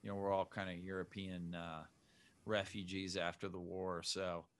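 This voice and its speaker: A man's voice: sits low, level tone, normal speed. A man born in Zimbabwe, a filmmaker chatting casually in an interview, rambling with many restarts and fillers. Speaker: filmmaker guest.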